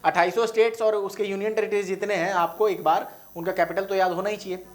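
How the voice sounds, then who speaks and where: A man's voice: high voice, steady tone, fast. Man coaching students, self-correcting. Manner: reads out long lists, stumbles and corrects himself; casual, direct address to students. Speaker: exam coaching teacher. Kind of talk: explanatory online lesson.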